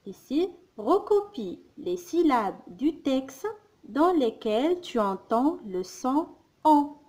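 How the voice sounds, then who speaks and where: Woman teacher, fairly high voice, drawn-out phonics drill, very slow. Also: sing-song, darkish tone. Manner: sounds out words slowly, repeating syllables. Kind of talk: slow, careful phonics lesson.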